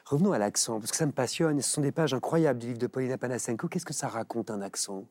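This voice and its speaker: A host asking questions in a quick, animated way on a TV book talk show. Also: medium pitch, no room sound. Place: TV studio.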